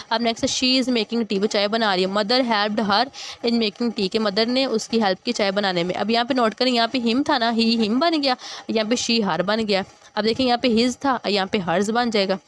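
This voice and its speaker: A woman with a fairly high voice teaches a grammar lesson. She reads English example sentences slowly and carefully, then translates them. A faint hum sits behind her. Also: fairly even intonation.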